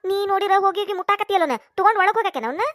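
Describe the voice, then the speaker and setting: A woman voicing an excitable gossiping village woman with a North Karnataka Kannada accent, in a cartoon. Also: extremely high pitch, racing, no echo, studio quality.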